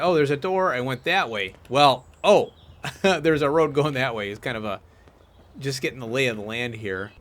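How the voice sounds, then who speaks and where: A man commentates casually over a video game. His bright, mid-pitched voice moves around in a lively way, and he chats and thinks aloud as he plays. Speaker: gaming video host.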